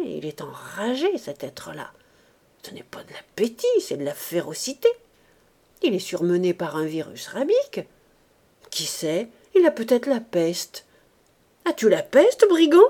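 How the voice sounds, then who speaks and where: A woman voicing a blustering gruff old vagabond. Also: fairly low pitch, very animated, unhurried, dark tone, full character voice. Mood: grumbling rant. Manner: blustering, ranting, grandly insulting. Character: gruff grumbling old male vagabond philosopher. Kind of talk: audiobook character reading.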